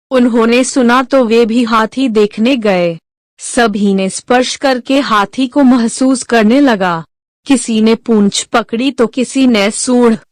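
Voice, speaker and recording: A woman giving slow, measured scripted narration of a religious teaching. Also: a little high, dry recording. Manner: slow, even, measured delivery.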